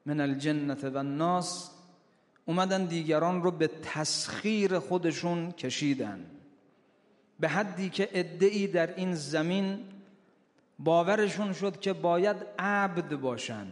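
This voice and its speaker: Man preaching in a reverberant hall. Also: a little high. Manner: declaiming, quoting Quranic Arabic. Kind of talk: sermon.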